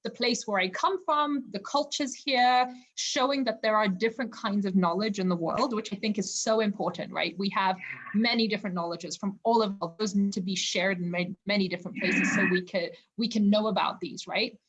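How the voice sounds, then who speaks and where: The recording is muffled, but the Zimbabwean podcast guest comes through with a medium-pitched voice, fairly even intonation and normal speed. Talking remotely from home in a casual interview, she's earnest and reflective and says "you know" frequently.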